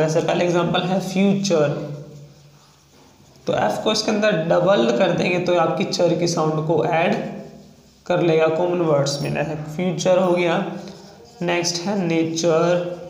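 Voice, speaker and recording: A man with a Hindi accent teaching shorthand, pitched fairly high with a gravelly edge. He draws out each example word, then repeats it. The recording sounds echoey. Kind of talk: slow explanatory lesson.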